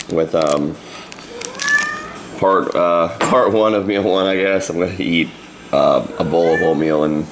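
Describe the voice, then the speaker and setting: A young man with a hoarse, worn-out voice, chatting casually to camera as a fitness vlogger and rambling through a story. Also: low voice, noisy background. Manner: chatty, rambling, telling a story with shouted quotes. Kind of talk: casual vlog talk to camera.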